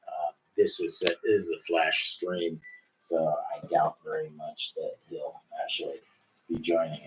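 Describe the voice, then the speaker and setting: A man's voice: lowish voice, a little hiss or hum, low-quality recording. A middle-aged man hosting a casual livestream, rambling in an easygoing way with lots of fillers and restarts. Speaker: livestream host and musician.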